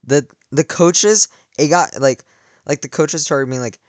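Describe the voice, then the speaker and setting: In a dry recording, a young man with a fairly high voice speaks unhurriedly. The late-teen vlogger rambles casually through a story, full of "like" and restarts, his voice a little worn from cheering.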